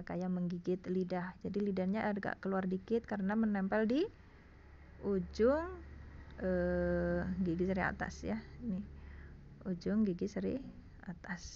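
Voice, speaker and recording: A woman's voice: medium pitch, gravelly, a little mellow, muffled recording, slight background noise. A woman teaching a recorded lesson, explaining casually and checking in often with her listeners. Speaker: Quran recitation teacher. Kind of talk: screen-recorded online lesson.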